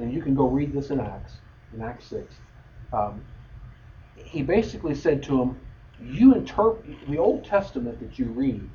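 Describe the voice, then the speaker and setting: A man giving an unscripted bible history lesson, rambling with frequent fillers and restarts. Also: mid-range voice. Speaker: bible study teacher. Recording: dull lo-fi recording with faint noise.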